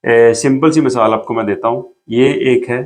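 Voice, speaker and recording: A man with a steady tone and a mid-range voice teaches a beginner language lesson. Patient and methodical, he writes while slowly repeating each sound.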